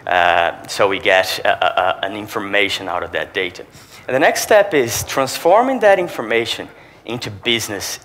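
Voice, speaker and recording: Presenting at a conference as a sales manager, a native Portuguese speaker with a Portuguese accent poses rhetorical questions to the crowd as he explains. His voice is mid-range and fairly bright.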